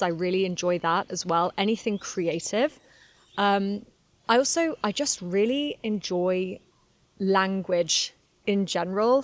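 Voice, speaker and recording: A woman in her twenties from Cornwall, England, with a Southern English accent that's slightly London, speaks candidly as an English teacher in a relaxed solo podcast monologue for learners. She laughs often and uses frequent fillers, with a medium-pitched voice on a dry recording.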